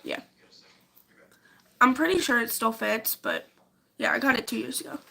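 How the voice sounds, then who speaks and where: A woman's voice: on the high side, normal speed, gravelly, pushed and bright, rough recording. A congested young woman hosting her channel, chatting eagerly and giggling about haunted places. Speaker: channel host. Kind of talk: casual chat.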